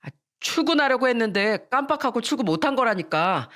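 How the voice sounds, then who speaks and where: A woman's voice: a little high, lively intonation, brisk, fairly bright tone, pitched above the performer's own voice. A woman voicing a feckless, defensive husband in a storybook radio drama, whining excuses and begging.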